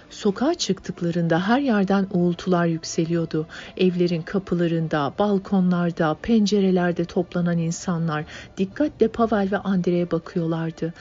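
Calm woman narrating an audiobook. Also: on the low side, breathy edge. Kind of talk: scripted narration. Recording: dull lo-fi audiobook, faint music.

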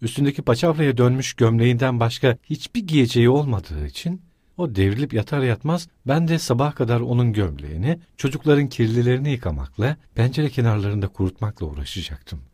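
A man's voice: medium pitch, expressive, brisk, warm tone, slightly rough, no echo, studio quality, pitched above the performer's own voice. Man reading as an embittered consumptive mother. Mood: bitter, furious. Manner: angry, accusing outbursts. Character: desperate consumptive poor mother, bitter and shrill.

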